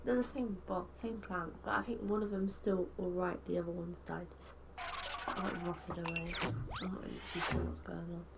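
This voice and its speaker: A woman talking quietly and musingly with a friend over a voice call. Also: on the low side, flat delivery, moderate pace, vocal fry. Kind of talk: casual chat. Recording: noisy voice chat line.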